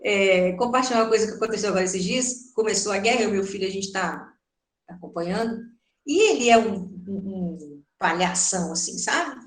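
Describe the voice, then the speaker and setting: A woman's voice: mid-range voice, brisk. A middle-aged woman with a Brazilian Portuguese accent gives a doctrinal lecture at a spiritist center. She talks in a conversational way and keeps asking her listeners rhetorical questions. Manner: conversational, asks the audience many rhetorical questions. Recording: roomy hall echo.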